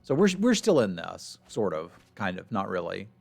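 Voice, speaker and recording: A man's voice: lowish voice, huge pitch swings, normal speed, vocal fry, a little mellow. Wry man thinking aloud over gameplay. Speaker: card game player and streamer. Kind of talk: casual gameplay commentary.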